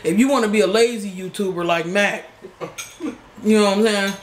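Brisk and mid-range in pitch, a young adult YouTuber host answers questions in a casual, slangy, blunt manner. The setting is a small living room, and the recording picks up room echo and background noise.

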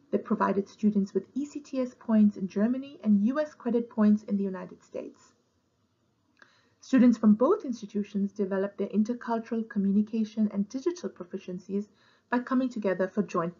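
A woman reads a prepared conference presentation in a measured, formal manner. Her voice sits at an ordinary middle pitch. The recording is slightly dull and lo-fi. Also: a little mellow. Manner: measured, formal read-aloud delivery. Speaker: program director presenting a conference poster. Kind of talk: scripted presentation.

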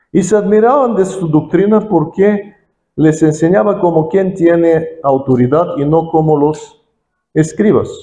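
A man preaching a sermon as an evangelist in a learned language, halting, with many pauses and restarts. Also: fairly high pitch, mellow, echoey room, low-quality recording.

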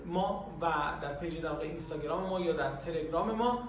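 A man speaking directly to viewers in a friendly promotional outro, inviting them to get in touch. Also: a little high. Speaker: course promoter. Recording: very echoey room, far from the mic, faint noise.

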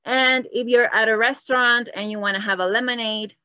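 In this bilingual online language lesson, a woman from Latin America encourages her Spanish students patiently, praising them in both English and Spanish. She speaks at a moderate pace in a steady, clear, resonant voice on the high side. There's no echo, though the audio sounds dull.

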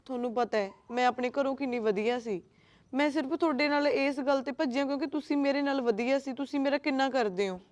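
A woman plays a loyal young wife with a Punjabi accent, quiet and earnest, wounded by her in-laws' taunts. Her voice sits high. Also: quick pace, lightly acted. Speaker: young wife who eloped. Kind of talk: Punjabi short-film acting.

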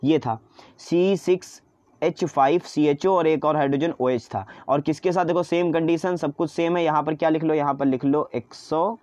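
A man's voice: fairly high pitch, steady tone, normal speed, a little mellow, no echo. A man teaching an online chemistry lesson in mix, chatty and coaxing, often repeating his own questions to students.

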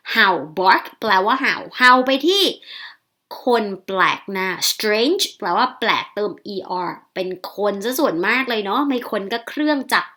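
A woman teacher from Thailand with a somewhat high voice, reading a story sentence by sentence at an unhurried pace. She reads each English line slowly, then explains it in friendly, chatty speech full of polite particles. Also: a bit bright.

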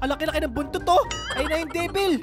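A woman narrating a comic game roleplay in a loud, excitable way, often laughing and switching between Tagalog and English. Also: high-pitched, rapid-fire. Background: music.

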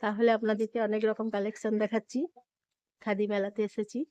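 A Bengali woman vlogger with a hoarse voice from a cold, chattily showing viewers around a fair hall. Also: medium pitch, little pitch movement, a little fast, dark tone. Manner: chatty, repeatedly urging viewers to look. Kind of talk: casual walkthrough vlog.

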